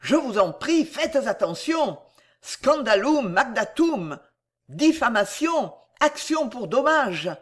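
A reader voicing an anxious little male lawyer who pleads slowly for calm, in an audiobook. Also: medium pitch, pitched above the performer's own voice, heavily acted. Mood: pleading. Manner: slow, pleading, repetitive. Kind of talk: audiobook character voice.

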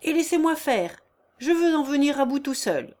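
A woman voicing a brusque, cheerful male peasant worker who talks bluntly and loudly. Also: mid-range voice, expressive, a little slow, natural voice. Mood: rallying. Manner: hearty, blunt, loud.

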